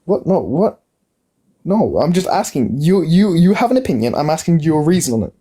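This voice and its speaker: A young man in his early twenties argues on a casual live stream. His mellow, darker voice moves through a wide, lively pitch range. He keeps circling back to the same question, stumbling into restarts as he pushes. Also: normal speed. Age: young adult. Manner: insistent, repetitive, stumbling restarts. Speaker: livestream guest.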